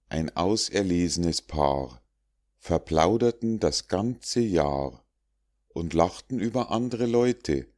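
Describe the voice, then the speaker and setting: A man narrating an audiobook of rhymed fables in a measured, rhythmic reading. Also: deep voice, a little mellow.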